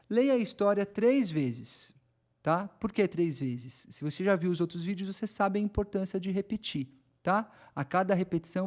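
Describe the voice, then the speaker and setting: A man's voice: sits high, a little mellow. A man with a Brazilian Portuguese accent explaining a reading lesson to teachers in a conversational way, often checking in with his listeners. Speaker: educator.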